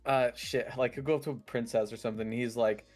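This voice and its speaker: A man's voice: medium pitch, fairly even intonation, fast, darkish tone, faint music behind. A young man in casual chat with a friend, talking in goofy slang banter.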